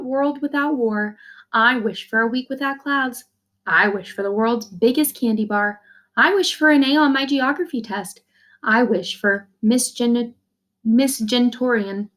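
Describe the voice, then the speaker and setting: Her voice is fairly high and fairly bright as she reads a children's novel aloud in the first person. She performs it expressively in a teacherly manner, pausing for short, simple explanations aimed at young listeners.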